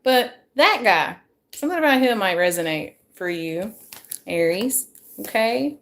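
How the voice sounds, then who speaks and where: A woman, going a bit hoarse, chatting to viewers as she gives a casual live tarot reading into her phone at home. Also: medium pitch, expressive, measured pace, fairly bright tone. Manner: chatty, self-deprecating, talks to viewers. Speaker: tarot reader.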